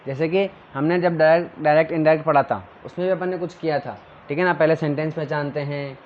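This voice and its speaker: A man's voice: a little high, fairly even intonation, quick pace, lo-fi sound, a little hiss or hum. A male teacher giving a classroom grammar lesson, drilling his students with questions and answers.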